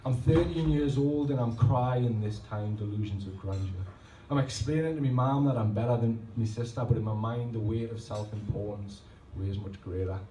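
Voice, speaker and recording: Somewhat low and dark, this man's voice keeps a normal speed with few pauses, with slight background noise. A 30-something poet at a pub function room, he reads rhymed work in a rhythmic style and fills the gaps with rambling, self-deprecating chat, recorded live in a roomy, distant way with faint ambience.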